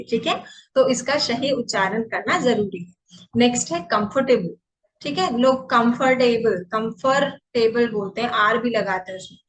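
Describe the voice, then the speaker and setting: A woman from India teaching pronunciation in a fairly high voice. She explains each word patiently and draws out the syllables when she demonstrates. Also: low-quality recording. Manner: slow, drawn-out syllables when demonstrating words. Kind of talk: pronunciation lesson.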